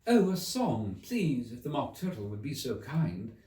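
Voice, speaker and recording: A man's voice: mid-range voice, sing-song, unhurried, dark tone, voice pushed up. A man voicing a polite, timid, puzzled young girl in a storybook reading, tentative and earnest. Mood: eager. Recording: echoey room, distant mic.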